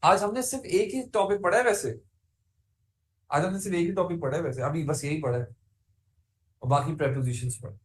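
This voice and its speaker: Male teacher a high voice and tinged speech, drills a class repeated questions; roomy sound. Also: fairly quick, pauses often. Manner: asks students repeated questions, chants word forms. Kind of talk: classroom grammar lesson.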